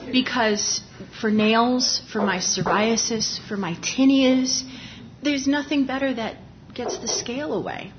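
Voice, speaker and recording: A woman gives a live dermatology lecture in a conversational, explanatory style, often restarting sentences and talking around a lozenge in her mouth. Her voice is on the high side and a little slow. The recording has cut-off highs and a little hiss or hum.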